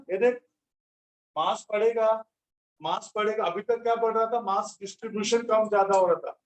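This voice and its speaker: High-voiced stern teacher lecturing a class. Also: male voice, low-quality recording. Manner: stern, lecturing students, calls them beta. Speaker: physics teacher. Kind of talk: classroom lecture, scolding then explaining.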